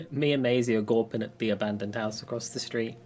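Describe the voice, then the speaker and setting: Male tabletop gamer, mid pitch, casual improvised role-play, soft music underneath. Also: fairly quick. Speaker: tabletop game player.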